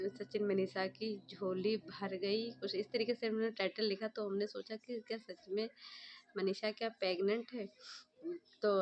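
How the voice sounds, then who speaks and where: A woman talks casually to her viewers, passing opinionated judgments and circling back to the same points. Her delivery stays flat and even. The recording sounds dull and lo-fi, with a faint hum behind her. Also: mid-range voice. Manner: opinionated, chatty, repeats herself. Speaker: vlogger reviewing other vloggers' videos. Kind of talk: casual commentary to camera.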